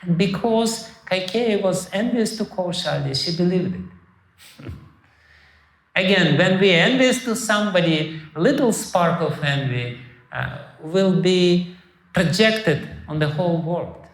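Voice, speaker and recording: A man's voice: sits high, expressive, slow, roomy sound. A man, a spiritual teacher, telling a sacred story as a sermon, with frequent fillers and small chuckles. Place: lecture hall.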